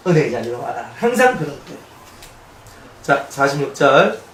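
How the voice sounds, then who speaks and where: A male pastor preaching an expository sermon, conversational and animated, often asking the congregation questions. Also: fairly high pitch, moderate pace. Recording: echoey room, mic at a distance, faint noise.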